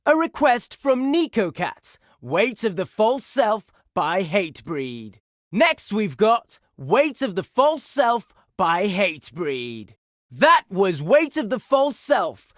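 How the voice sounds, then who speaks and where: A male actor voices a brash, excitable heavy metal radio DJ in a video game, announcing songs and listener requests in a punchy, showy way. His voice sits high and is a full character voice, recorded with studio quality and no echo.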